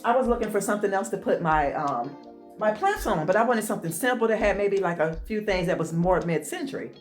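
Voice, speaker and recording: A woman vlogging from her home office, chatty and excited, calling her viewers "y'all". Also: mid-range voice, a little fast, soft background music. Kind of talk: casual chat.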